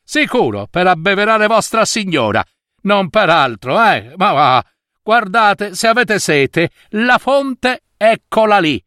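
Spoiled storybook girl, whiny and rude, high pitch, put on by a man. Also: big pitch swings, takes it slowly, sharp tone, dry recording, studio quality, heavily acted. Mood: sarcastic. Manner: whiny and sulky.

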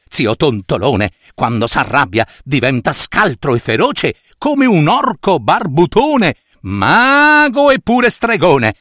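A worried but brave peasant mother from a fairy tale gives quick, commanding orders, as a man puts her on. The sound is dry and close. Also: fairly high pitch, a bit bright, no echo, exaggerated voice. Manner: urgent and commanding.

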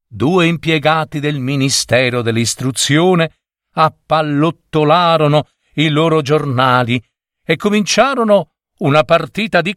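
A man reading a children's story aloud in an expressive way, changing voices for the characters. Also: on the high side, no echo, studio quality. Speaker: narrator.

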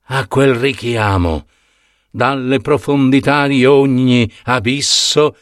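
A man's voice: medium pitch, takes it slowly, no room sound, clean studio sound. A man narrating a mythological story in a scripted, dramatic manner. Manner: dramatic, wide-ranging storytelling.

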